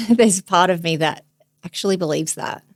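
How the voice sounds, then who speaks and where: A woman in her forties, a therapist hosting a podcast, speaking thoughtfully and searchingly in a soft, reflective way. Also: lowish voice, moderate pace, no room sound, clean studio sound. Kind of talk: reflective therapy demonstration chat.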